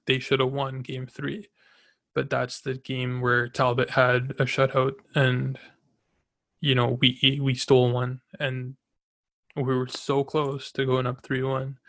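An excitable young man from Canada rambles about hockey, full of fillers and restarts. His pitch stays strikingly flat and level, and the sound is close and dry. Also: no echo. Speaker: hockey fan commentator. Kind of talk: casual opinion monologue.

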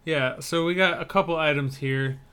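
A man's voice: fairly high pitch, moderate pace, pushed and bright, clean tone. A man co-hosting a podcast over a video call, talking in an easygoing way with dry humor. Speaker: podcast co-host. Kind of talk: casual chat. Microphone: remote video call.

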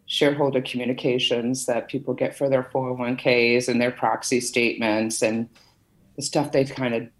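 A woman's voice: extremely low pitch, flat delivery, moderate pace, rough recording. A middle-aged woman from Massachusetts, a podcast guest telling her career story in a chatty way with many fillers. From Massachusetts, USA. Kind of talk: conversational interview.

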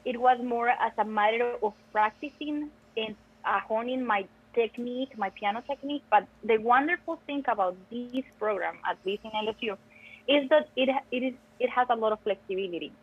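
Speaking fairly high and at a normal speed, this chatty Costa Rican woman has a slightly rough voice and a native Spanish speaker's accent. She's young and emphatic, appearing as a guest in a casual podcast interview about her life as a music education PhD student. The sound is dull.

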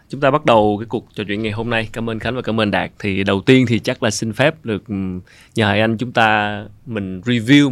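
A man's voice: fairly low pitch, creaky, dry recording. A man hosting a podcast, introducing the show and moderating the discussion. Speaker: podcast host.

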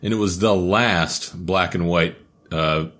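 A man's voice: low-pitched, slow pace, a bit bright. A man co-hosting a podcast with irreverent, joking, sweary banter, recorded in a bare uncarpeted room with a warehouse-like echo. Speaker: podcast co-host. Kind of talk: casual banter about cartoons.

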